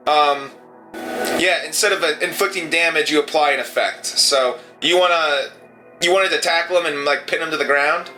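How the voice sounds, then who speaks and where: A man's voice: a little high, moderate pace, music in the background, rough recording. A man narrating a tabletop horror game as game master, with many fillers as he describes scenes.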